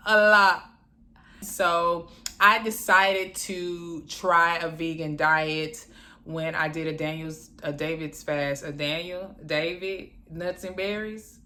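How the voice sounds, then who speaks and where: Bright, playful woman. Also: lowish voice, slight background noise. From Dallas, Texas, USA. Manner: playful and animated, slips into quoted voices and laughs. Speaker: vlogger. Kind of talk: casual vlog chat.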